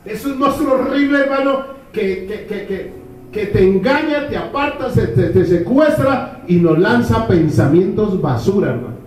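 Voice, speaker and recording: A man's voice: high-pitched, animated, measured pace, darkish tone. A man preaching a fervent sermon, firing off rhetorical questions to the congregation. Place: church hall. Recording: echoey hall, distant mic.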